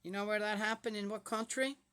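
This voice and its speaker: A woman's voice: medium pitch, steady tone, fairly quick, fairly bright tone, smooth. A woman, talking casually to viewers in a rambling way and firing rhetorical questions at them. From Switzerland. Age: 60s. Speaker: vlogger reading the Bible. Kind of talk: casual chatty monologue.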